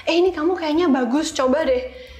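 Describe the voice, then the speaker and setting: A young woman with a high, darkish voice speaks at a moderate pace, casually telling stories as an interview guest. She's an iOS developer, chatty and slangy, dropping English words into her speech. The sound is roomy and echoey.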